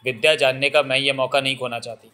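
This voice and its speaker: A young village woman in love, pleading and teasing, as a male narrator reads her. The voice stays bright and clear, in an audiobook novel. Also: mid-range voice, little pitch movement, fast talker, faint music behind, natural voice. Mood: earnest. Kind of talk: audiobook reading.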